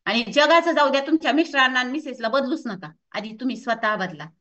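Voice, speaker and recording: A woman fitness coach giving a lively, scolding motivational workshop talk to her associates, acting out the excuses of her clients. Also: sits high, quick pace, far from the mic, dull audio.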